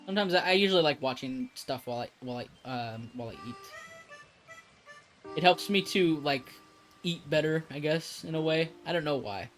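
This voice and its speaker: A man's voice: on the high side, moderate pace, fairly bright tone, soft background music. A man in his thirties chatting casually on a live stream, rambling and laid-back with lots of fillers.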